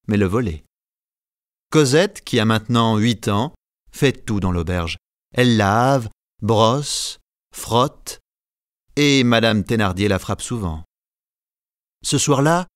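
Male narrator, measured storytelling read, dry close mic. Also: mid-range voice, no room sound. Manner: calm, measured reading. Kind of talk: scripted audiobook narration.

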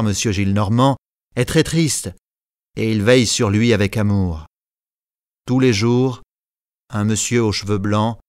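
A man narrating a classic story in a measured reading, giving short lines to the characters. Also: medium pitch, no echo, clean studio sound. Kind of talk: scripted narration.

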